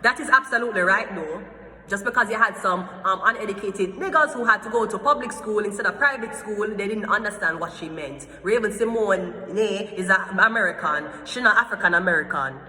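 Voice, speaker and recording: A Jamaican woman vlogger rants casually to camera at a medium pitch and fairly quick pace, the sound roomy as if in a big space. Blunt and freely profane, she tells her story with animation, acting out little exchanges.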